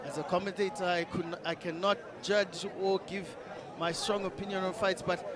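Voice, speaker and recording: A man's voice: high-pitched, flat delivery, moderate pace. A man giving live boxing commentary. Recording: live event, music and crowd noise. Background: music and crowd.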